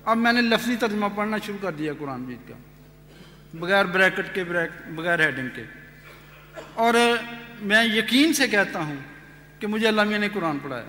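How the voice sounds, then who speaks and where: A man with a high, bright, ringing voice gives an earnest personal testimony, acting out the dialogue as he retells each scene. His voice carries a long reverb, as if he is speaking in a large hall. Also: lively intonation, slight background noise. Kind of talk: storytelling testimony.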